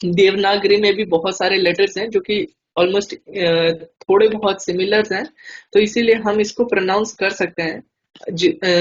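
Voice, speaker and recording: Patient male language teacher, lo-fi. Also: high voice. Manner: patient, explanatory, frequent hesitation fillers. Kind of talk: online class explanation.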